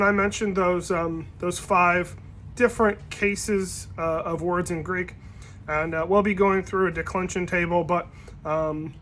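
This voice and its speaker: Relaxed church Greek teacher. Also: mid-range voice, a little hiss or hum. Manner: relaxed, conversational, with frequent ums and self-corrections. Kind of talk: informal recorded language lesson.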